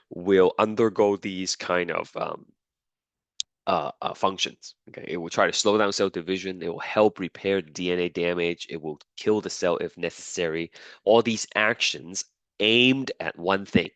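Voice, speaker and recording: A biology lecturer with a deep, fairly bright, smooth voice teaches his class while sick and losing his voice. He keeps repeating key points and checking in with students, and the recording is dry.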